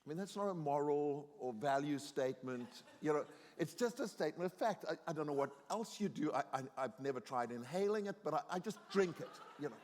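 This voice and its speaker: A middle-aged man preaching in a university chapel, telling stories in an earnest way that builds into emphatic exhortation. His voice sits a little higher than most men's. The sound rings with the long reverb of a large hall. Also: lively intonation, a little fast, few pauses, a little mellow. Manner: earnest storyteller, grows more emphatic and exhorting. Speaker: guest preacher. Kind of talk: storytelling chapel sermon.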